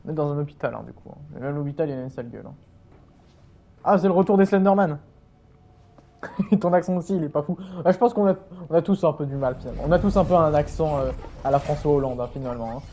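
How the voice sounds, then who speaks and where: A man's voice: on the high side, rapid-fire, hardly any pauses, warm tone. A man casually commenting on a game he is playing, rambling with many fillers and chatting to his viewers. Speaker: streamer.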